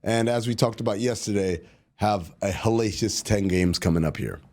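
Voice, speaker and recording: A man with a fairly low, slightly mellow voice talks at a moderate pace. He co-hosts a basketball podcast, chatting casually and ribbing his co-host as he lays out team finances in plain language.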